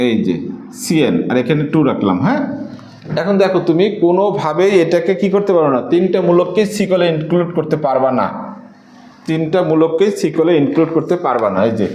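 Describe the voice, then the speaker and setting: A man's voice: on the high side, expressive, a little fast, darkish tone, a little hiss or hum. A man. He asks the class questions and then answers them. The room has a noticeable echo. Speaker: chemistry teacher. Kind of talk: whiteboard lecture. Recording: echoey room.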